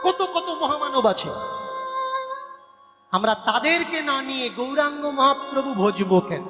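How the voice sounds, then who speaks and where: A man's voice: extremely high pitch, lively intonation, measured pace, long reverb tail, music in the background. A man with a Bengali accent preaching a devotional sermon, arguing his points and correcting how words are pronounced. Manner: argumentative, corrects word pronunciation emphatically. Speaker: religious preacher.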